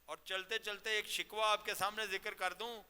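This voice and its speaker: A man giving a Ramadan sermon as a cleric, exhorting and questioning his listeners and slowing down to demonstrate careful recitation. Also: high voice, little pitch movement, bright, forceful tone, clean tone. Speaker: cleric teaching Quran lesson. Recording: long reverb of a large hall.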